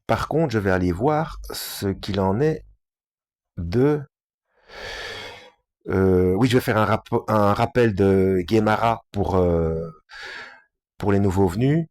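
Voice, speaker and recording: A man's voice: fairly low pitch, slow pace, long pauses, darkish tone. A man giving an informal reading with running commentary, hesitant, full of fillers and restarts, with self-mocking asides. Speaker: presenter of a video series studying religious texts.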